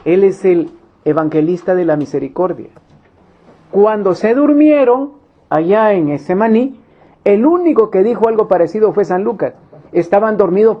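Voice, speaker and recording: A high-voiced male preacher teaches a Bible study with emphasis, repeating key phrases and acting out small quoted scenes. The recording is dull and lo-fi.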